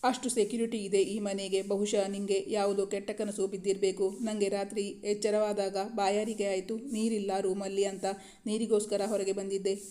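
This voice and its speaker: A woman voicing a gentle young man who calms his frightened beloved in a romantic storybook, speaking in a very flat, even tone. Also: medium pitch, normal speed, natural voice. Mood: soothing. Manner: gentle, reassuring.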